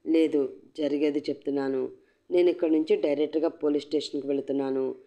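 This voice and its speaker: A woman's voice: sits low, fairly even intonation, fast, mellow, pitched below the performer's own voice. Woman voicing a defiant, cutting young woman. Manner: cutting, mocking, firm. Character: defiant young woman, sharp-tongued and unbowed. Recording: dull lo-fi recording.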